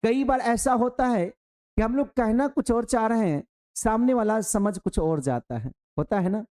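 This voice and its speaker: A male teacher gives an online exam-prep grammar lesson in a warm, mellow voice. His voice sits fairly high for a man. He talks straight to his students and repeats key phrases to drive a point home. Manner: explains slowly through a worked example.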